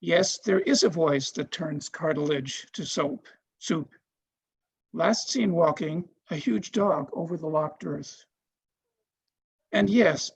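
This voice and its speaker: A man giving a solemn poetry reading, with measured and deliberate phrasing. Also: on the high side, vocal fry, breathy edge, rough recording. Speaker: poetry reader.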